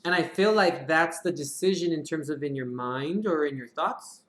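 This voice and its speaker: A fairly high-voiced man gives a casual tarot reading on a live stream, talking loosely and dropping the odd curse. His voice bounces around a roomy, echoey space. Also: normal speed, fairly bright tone. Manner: chatty, swears casually, murmured prayers to draw cards. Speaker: tarot reader. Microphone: live-stream mic. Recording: echoey room.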